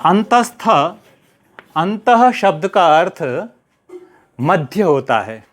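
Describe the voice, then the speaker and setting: Middle-aged man, Hindi accent, teacher drilling letter sounds at a slow, careful pace, a little high-pitched. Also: sing-song. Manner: drills sounds, asks and answers his own questions; slow, deliberate recitation of letters. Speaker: Sanskrit teacher. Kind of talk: classroom grammar lesson.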